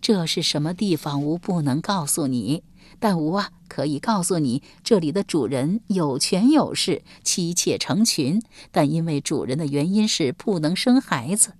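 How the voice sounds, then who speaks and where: A woman reader voicing a kindly elderly woman servant, speaking slowly and motherly with sighs, as an audiobook character. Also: sits low, animated, no room sound. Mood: confiding. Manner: slow, sighing, motherly.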